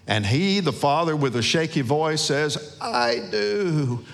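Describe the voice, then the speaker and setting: A pastor delivering a sermon in a slightly higher-than-usual male voice. He drives his points home with rhetorical questions and dramatic pauses. The sound rings out with a long hall reverb, as in a large church sanctuary. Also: expressive, a bit bright.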